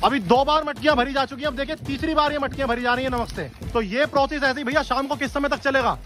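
High, bright-voiced male food vlogger. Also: fairly even intonation, fast talker, soft background music. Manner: enthusiastic, addresses viewers as guys, asks workers questions. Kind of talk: on-location factory tour narration and interviewing.

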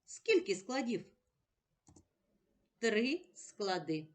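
A woman teacher giving a slow, careful special-education lesson, patiently sounding out words one at a time. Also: mid-range voice, sing-song.

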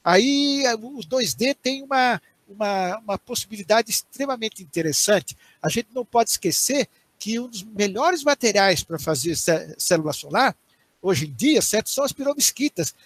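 Older Brazilian academic, high and husky, explaining on a headset call, often checking in with the audience. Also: male voice, expressive, normal speed, fairly bright tone, no room sound. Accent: Brazilian Portuguese. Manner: explanatory, tags phrases with "certo?" and "né?", frequent restarts. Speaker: university professor giving a guest lecture. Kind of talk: online lecture answering audience questions. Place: small home study with bookshelves, indoors. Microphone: headset on a video call.

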